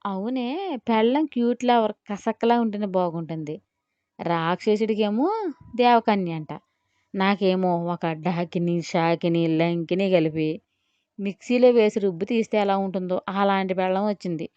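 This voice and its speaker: A woman's voice: medium pitch, measured pace, warm tone, smooth, no echo, close to an everyday voice. Brash, teasing young man in love, read by a woman; dry, slightly dull sound. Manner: mocking, playful banter.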